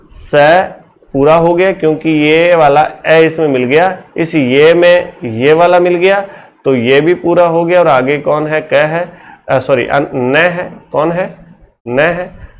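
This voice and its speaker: Guy teaching a class, unhurried, kinda high voice, keeps asking "clear?" and checking in. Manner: explains step by step with constant rhetorical questions to students. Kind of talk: classroom lecture.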